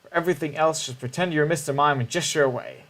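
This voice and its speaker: A man's voice: a little high, fast talker, fairly bright tone, close to an everyday voice. A man reading aloud the lines of a cheerful, jokey male language teacher from a game, in a playful lecturing manner.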